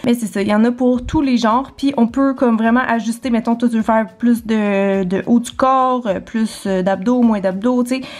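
A young Québécois woman vlogging from her home studio in a fairly high voice. She talks casually and loosely to the camera, trailing off and restarting, and pokes fun at herself often. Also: steady tone, normal speed, few pauses. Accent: Québécois French. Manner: chatty, rambling, self-deprecating with frequent laughs. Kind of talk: casual vlog chat to camera.

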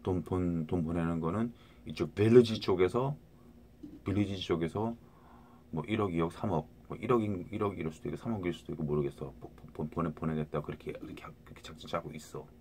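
A middle-aged man with a very deep voice rambles to his viewers, tripping over words and checking in with "right?" again and again. A faint hiss sits under his phone recording. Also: fairly quick, warm tone. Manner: rambling, many restarts, keeps asking "right?". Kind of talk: rambling casual monologue to viewers.

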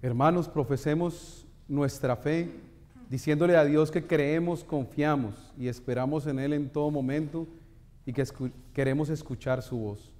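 Solemn priest with cathedral echo. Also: male voice, on the high side, darkish tone. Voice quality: echoing, cathedral-like reverberant sound. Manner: solemn, measured delivery in short phrases. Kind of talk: liturgical preaching and recited prayer. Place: inside a stone-walled church, at the altar and lectern. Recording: church reverb, long echoing hall.

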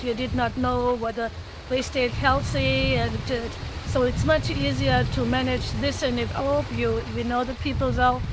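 A woman talking in a casual interview aboard a sailing yacht, halting and searching for words with many pauses. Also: high voice, level tone. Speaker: sailboat owner on a cruising rally. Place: outdoors on a sailing yacht at sea. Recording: outdoor wind and sea noise.

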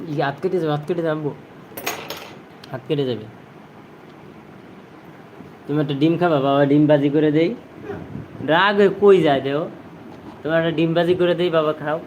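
A man's voice: fairly high pitch, darkish tone, a little hiss or hum, low-quality recording. Coaxing father on a live stream. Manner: coaxing and pleading, repeats himself. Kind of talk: casual live-stream chat.

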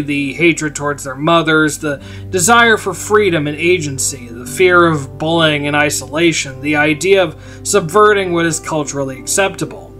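A man hosting a manga channel, giving an earnest, measured, scripted video-essay narration. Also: fairly high pitch, a bit bright.

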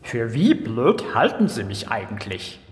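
A man's voice: medium pitch, big pitch swings, measured pace, big-room sound. Man playing a smug, swooping villainous treasure hunter. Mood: mock-polite. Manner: mock-polite, sneering, theatrical. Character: smug, greedy male rival treasure hunter, villainous major. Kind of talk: amateur film dub acting.

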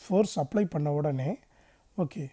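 A man's voice: on the high side, racing, warm tone, husky, no room sound. A middle-aged man with a South Indian Tamil accent gives an instructional lecture, explaining definitions didactically and repeating key terms. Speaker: engineering lecturer. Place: indoor lecture recording studio.

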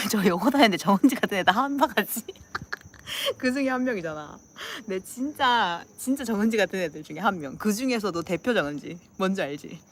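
A woman's voice: medium pitch, lively intonation, moderate pace, a little hiss or hum. A young woman with a Gyeongsang accent chatting casually with her viewers. She acts out dialect phrases and laughs often. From Gyeongsang region, South Korea. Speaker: channel host.

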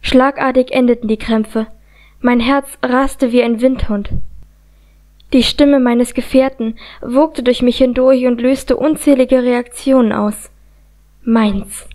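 A woman with a high voice reads a first-person fantasy audiobook. Her delivery is tense and dramatic, and she carries the action forward steadily. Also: fairly even intonation, slow pace, a little mellow. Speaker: audiobook reader.

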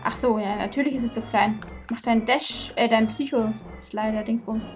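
A woman commentating a video game playthrough, excitable and quick to curse and shriek when frustrated. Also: on the high side, faint music behind. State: out of breath. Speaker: let's play gamer.

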